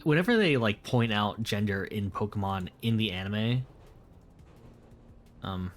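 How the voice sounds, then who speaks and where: A man with a fairly low voice chats casually on a late-night stream. He rambles, restarts his sentences and corrects himself as he answers viewers. Soft music plays faintly behind him. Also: animated, measured pace.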